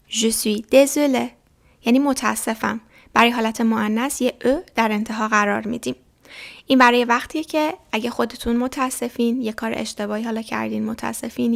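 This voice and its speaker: A woman teaching a language lesson, saying each phrase clearly, repeating it slowly, then explaining it quickly. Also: on the high side. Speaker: French teacher.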